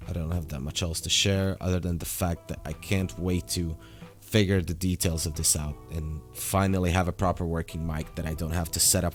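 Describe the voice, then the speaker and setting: Low-voiced young man with a sore throat. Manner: rambling, many fillers and restarts. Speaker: vlogger. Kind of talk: casual daily vlog update.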